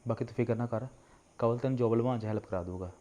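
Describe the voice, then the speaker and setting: A man's voice: mid-range voice, lively intonation, moderate pace, mellow, muffled recording, natural voice. A man acting as a young man who speaks briefly and reassuringly on the phone in a family drama. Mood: calm.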